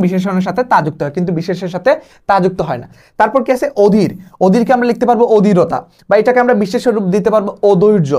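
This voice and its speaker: A man's voice: sits high, a little mellow. A young man from Bangladesh giving an exam-prep lecture, explaining step by step and dropping English words in. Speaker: admission test tutor.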